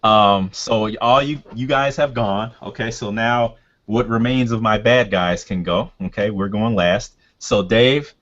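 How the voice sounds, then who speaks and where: A man running a tabletop game as game master, talking casually and haltingly as he thinks aloud and checks rules. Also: lowish voice, a bit bright. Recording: dull, lo-fi sound.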